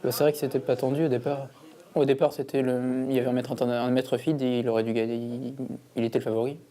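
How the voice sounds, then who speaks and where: Young man speaking flat and halting. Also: medium pitch. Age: young adult. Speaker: tournament winner interviewed. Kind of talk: interview.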